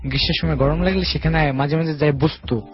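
A man's voice: fairly high pitch, steady tone, quick pace. A man as a guest on a radio show, chatting casually and agreeing with short replies. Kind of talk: casual chat. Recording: dull radio recording with faint music.

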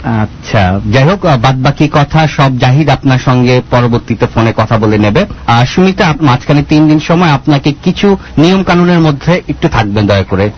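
A man hosting a radio prank call, giving instructions in a calm, measured way with small hesitations. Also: mid-range voice, a little hiss or hum. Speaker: radio prank show host. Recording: dull lo-fi radio phone recording.

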